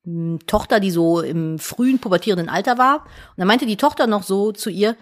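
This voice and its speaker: A woman's voice: medium pitch, lively intonation, brisk. A woman telling a story in casual chat and acting out both sides of the quoted dialogue.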